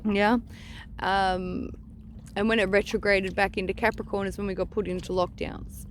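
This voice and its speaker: A woman with a medium-pitched voice talks in an earnest, meandering vlog style, often trailing off and circling back. She is outdoors on a beach, and the noise of rushing water runs behind her words. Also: flat delivery. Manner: earnest, digressive, trailing off mid-thought. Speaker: spiritual vlogger giving psychic energy guidance. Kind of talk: casual rambling monologue to camera.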